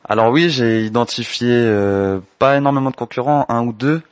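A man's voice: medium pitch, no echo. Young man from French Guiana, dry sound. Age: 20s. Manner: measured, explanatory, opens answers with "alors". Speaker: entrepreneur, candle maker. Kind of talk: interview answers.

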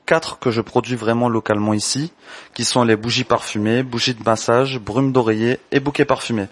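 A young man in his twenties, born and raised in French Guiana, talks through his work in a measured, explanatory tone. His voice sits at an average pitch, and the recording is dry and close, with no room sound. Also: no echo. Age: 20s. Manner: measured, explanatory, opens answers with "alors". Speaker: entrepreneur, candle maker. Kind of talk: interview answers.

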